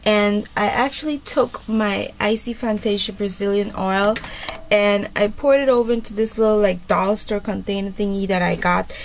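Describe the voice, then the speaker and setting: A woman's voice: medium pitch, fairly even intonation, normal speed, a little hiss or hum. A woman vlogger talking casually through a hair tutorial, rambling with lots of fillers. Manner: chatty and rambling, many fillers. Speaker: beauty vlogger.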